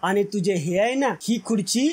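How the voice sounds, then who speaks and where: A man doing a spiteful young woman mocking her rival in a serial recap. High-pitched and needling, with a smug, taunting edge. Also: normal speed, slightly rough.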